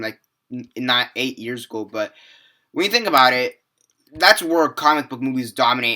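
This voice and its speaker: The speaker is a young man of seventeen giving a movie review that wanders casually. Expect a medium, sharp-toned voice, lots of filler words, restarts, and a stray swear word here and there.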